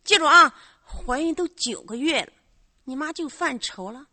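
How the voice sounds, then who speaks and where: A woman's voice: high-pitched, lively intonation, pushed and bright, no room sound. A woman, a comic stage performer telling a bawdy story in teasing, mocking banter. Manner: teasing, mocking, brisk punchy delivery.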